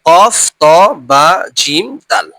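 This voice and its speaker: A male teacher walks his students through recitation rules step by step, spelling out letters and syllables slowly before repeating them. His voice is bright and a little high. The recording is dry and close, with no room sound around him. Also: lively intonation, no room sound, poor audio. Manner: reminds listeners often to remember the rules.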